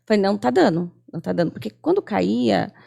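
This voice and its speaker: Brazilian woman guest in her 30s, heavy gravelly fry, earnest testimony voice. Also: mid-range voice, very animated, quick pace, mellow. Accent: Brazilian Portuguese. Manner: earnest storytelling, acts out remembered dialogue. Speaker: podcast guest. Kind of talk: emotional testimony in casual chat.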